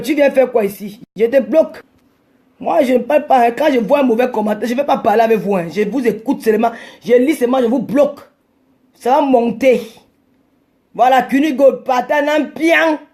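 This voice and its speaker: Hosting a live stream, a woman with a slightly high voice rants combatively at her rivals, scolding them and sometimes shouting.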